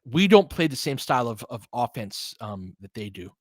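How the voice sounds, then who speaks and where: A fan calls a basketball game play-by-play in a casual way, blending action calls with opinionated, conversational analysis and coaching the players out loud. His mid-range, husky voice swings widely in pitch at a normal speed, captured in clean studio sound with no room echo.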